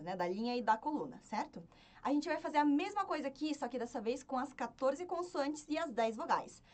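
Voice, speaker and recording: Female language teacher, animated and high-pitched, chants syllable drills patiently. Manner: patient, repeats and checks with "certo?". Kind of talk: spoken lesson, chanting syllables.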